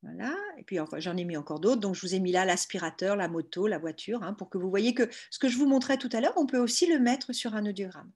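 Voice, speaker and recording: A woman's voice: medium pitch, fast, hardly any pauses, darkish tone, breathy edge. A woman giving an explanatory online lecture on hearing, patiently walking listeners through each point step by step. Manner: patient, explains step by step with frequent "hein" and "bah". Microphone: video call.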